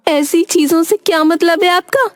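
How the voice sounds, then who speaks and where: A woman voicing a scolding young village wife in a cartoon, who talks in a sharp, nagging way. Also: extremely high pitch, normal speed. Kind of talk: Hindi cartoon dubbing. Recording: background music under voice.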